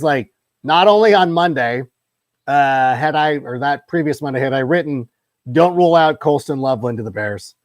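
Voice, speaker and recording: A man's voice: mid-range voice, dry recording. A man hosting a casual sports podcast, telling long, winding stories with many restarts. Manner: long-winded, rambling storyteller. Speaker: podcast host.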